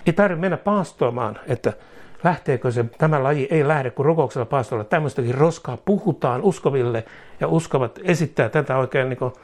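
A man preaching a sermon, emphatic and repetitive, rising into fervent prayer. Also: mid-range voice.

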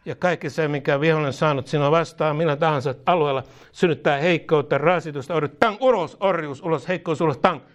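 Male prayer leader, slightly high voice, fervent charismatic style, repeats phrases, speaks in tongues. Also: steady tone, hardly any pauses. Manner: repeats each phrase, commanding declarations.

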